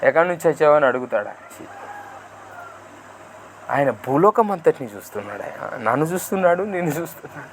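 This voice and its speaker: A man preaching a fiery sermon as a pastor, swinging from loud outbursts to hushed asides and firing rhetorical questions. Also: a little high, lively intonation, brisk, pauses often, slight background noise.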